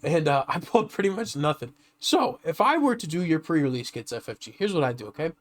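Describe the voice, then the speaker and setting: A man co-hosting a casual gaming podcast, telling stories animatedly and jumping high when he acts out reactions. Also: big pitch swings, fast. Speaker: podcast co-host.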